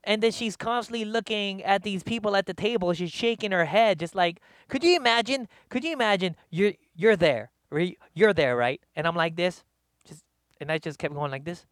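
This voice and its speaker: Male comic host, high voice, rambling casual rant, very dry sound. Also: normal speed, no room sound. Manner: rambling, animated, slangy. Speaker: comedian host. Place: home studio.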